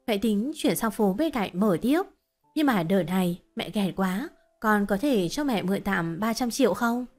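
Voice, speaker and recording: A woman's voice: medium pitch, animated, normal speed, darkish tone, soft background music, lightly acted. A woman voicing a scheming, whining middle-aged mother-in-law in a told story, wheedling and complaining.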